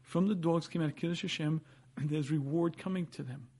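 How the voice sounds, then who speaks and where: A man giving a religious lecture, emphatic and fond of repetition, with a husky voice and frequent throat clearing. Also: a little high, fairly quick, dark tone. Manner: emphatic, rhetorical questions and repetition. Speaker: rabbi giving a Torah lecture. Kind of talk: religious lecture, explanatory teaching.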